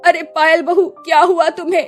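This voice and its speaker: A woman voicing a kind, caring older mother-in-law in a cartoon story, speaking loudly and firmly. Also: extremely high pitch, level tone, a little fast, soft background music, voice pushed up. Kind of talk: cartoon voice acting.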